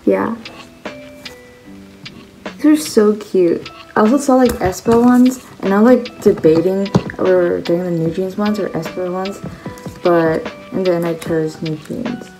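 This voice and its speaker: A Chinese teenage vlogger with a warm, mid-range voice chats at a slightly slow pace about the merch she bought. She sits at a table in her bedroom, recorded roughly by a close phone camera as background music plays. Fillers and "like"s pepper her casual talk.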